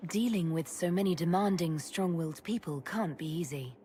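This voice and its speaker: An actress playing a calm, supportive woman who leads a fantasy order in a video game, speaking gently and plainly. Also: fairly low pitch, normal speed, natural voice. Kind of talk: video game cutscene acting. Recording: game capture with background ambience noise.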